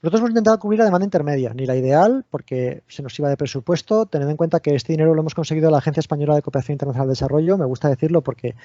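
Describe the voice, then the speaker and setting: Speaking with a Spain Spanish accent, a man invited as a lecturer delivers an online technical talk in careful steps, restarting sentences often. His pitch is medium and his tone dark. The recording is dry and lacks the high frequencies.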